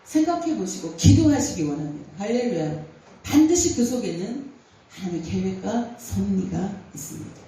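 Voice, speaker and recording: A middle-aged woman pastor preaching a Sunday sermon in a church, emphatic, full of rhetorical questions and sudden rises in pitch. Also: very animated, normal speed, mellow. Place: church sanctuary. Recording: echoey church hall picked up from a distance.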